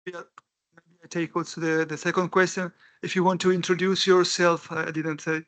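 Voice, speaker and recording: A man's voice: high-pitched, flat delivery, fairly bright tone. A man moderating a conference panel, polite and chatty with some hesitations. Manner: polite, chatty, a bit halting.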